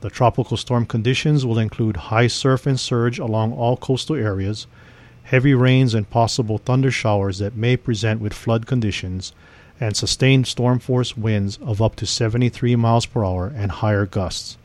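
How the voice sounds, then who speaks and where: A man reading a civil defense emergency broadcast message in a formal, measured, official way. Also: medium pitch, steady tone, darkish tone.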